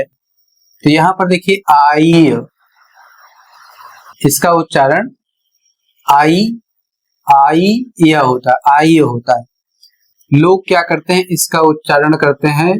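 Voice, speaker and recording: A teacher explaining English pronunciation rules one step at a time, in a measured, repetitive way. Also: medium pitch. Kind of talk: slow explanatory lesson narration.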